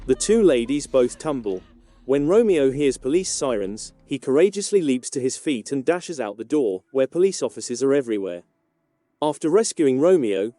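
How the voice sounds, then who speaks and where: A man reading a scripted TV episode recap in a steady, even manner. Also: mid-range voice, no room sound. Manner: steady, even read-through of plot events.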